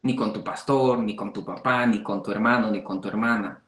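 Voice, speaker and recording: A man's voice: lowish voice, fairly even intonation, fairly quick, fairly bright tone, echoey room. A man teaching a conversational Bible study, asking rhetorical questions and acting out the voices of people he quotes.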